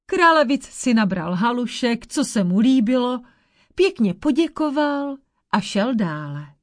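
A woman reads an old fairy tale aloud in a measured, expressive storybook manner. Her voice sits a touch high, and the recording is dry and close. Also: no room sound. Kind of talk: storybook narration.

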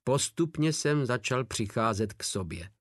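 A man's voice: mid-range voice, animated, dry recording, clean studio sound. A man narrating a war novel in the first person with a grim, dramatic reading. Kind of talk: audiobook narration.

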